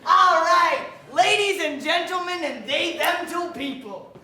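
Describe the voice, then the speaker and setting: Woman playing a loud sleazy guy host, high voice, echoey theater. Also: a little slow, heavy background noise. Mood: hyped. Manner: loud, rambling, breaks into laughter. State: winded. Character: brash sleazy male game show host, used lawnmower salesman. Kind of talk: live sketch comedy. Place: theater stage. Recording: roomy theater sound.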